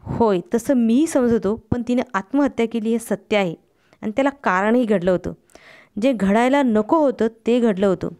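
A blunt, carefree man tells hard things in an even, unhurried tone, voiced by a woman reading a story aloud. The voice stays smooth and clear, pitched a little high. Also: natural voice. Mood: calm, matter-of-fact. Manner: calm, level, unhurried. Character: calm blunt carefree male friend.

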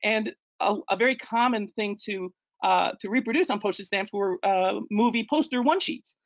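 A man's voice: high voice, moderate pace, creaky, muffled recording. A man in his forties, born in Ecuador, giving an online slideshow talk as a guest presenter, hesitant, with many fillers and self-corrections. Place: indoor room. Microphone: video call.

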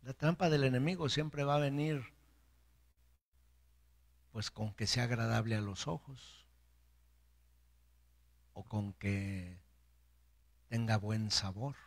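A man's voice: mid-range voice, takes it slowly, long pauses. A man preaching a sermon as pastor, acting out biblical voices and speaking straight to his congregation.

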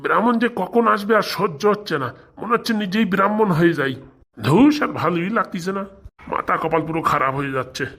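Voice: medium pitch, fast talker, fairly bright tone. A voice actor playing a vain, boastful master who chats to the audience about his wedding plans, in a comic cartoon. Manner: chatty, boastful, talks to the audience. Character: vain wealthy master man planning a wedding.

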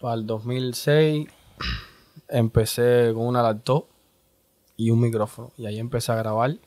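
A man's voice: mid-range voice, fairly even intonation, darkish tone. Laid-back Cuban music producer man. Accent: Cuban Spanish. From Cuba. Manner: slow, laid-back, repeats "¿entiendes?". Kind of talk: casual interview.

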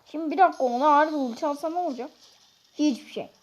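A woman giving chatty, excitable commentary on her own gameplay, talking straight to her viewers. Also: high-pitched, fast talker. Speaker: gaming YouTuber. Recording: dull lo-fi sound.

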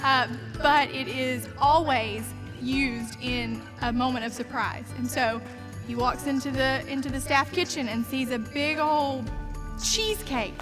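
A woman's voice: sits high, steady tone, measured pace. A woman in a video interview, telling an amused anecdote. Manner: amused, laughing storyteller. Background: music bed.

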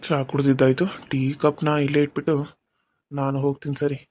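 A man's voice: mid-range voice, monotone, brisk, a little mellow, a little hiss or hum, lightly acted. A man voicing a young husband who muses aloud to himself in a cartoon serial. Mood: musing. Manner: casual thinking aloud.

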